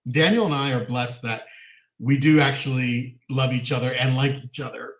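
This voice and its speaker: A man's voice: medium pitch, normal speed. Chatty man in an echoey room. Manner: rambling, earnest, many restarts and ums. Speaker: co-host. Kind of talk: casual chat. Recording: roomy echo.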